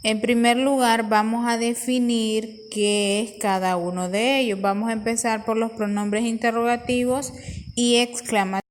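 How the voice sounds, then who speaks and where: A woman's voice: a little high, flat delivery, moderate pace, slight background noise. A woman teacher explaining a grammar lesson patiently, reading from the textbook and restarting phrases as she goes.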